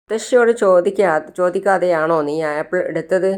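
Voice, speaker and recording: A soft-spoken young mother comforts her child in a storybook tale, as a woman narrator puts her on. Her voice is smooth and fairly low. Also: a little fast, close to an everyday voice. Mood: concerned. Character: gentle protective young mother.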